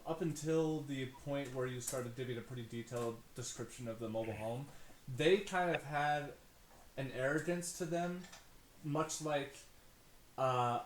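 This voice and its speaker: A man's voice: mid-range voice, slight background noise. A man narrating an improvised tabletop game as game master, rambling and informal. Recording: echoey room.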